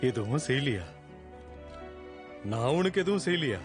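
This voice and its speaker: A man's voice: high-pitched, very animated, moderate pace. A man dubbing a lazy, hard-drinking uncle who scolds and mocks a boy, with music behind. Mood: scolding. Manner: scolding, mocking, blustery.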